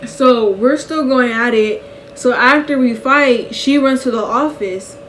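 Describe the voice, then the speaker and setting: A young woman telling a story in a casual vlog, animated and slangy and laughing often. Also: high voice, measured pace, far from the mic, poor audio. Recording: voice a bit off-mic with faint noise.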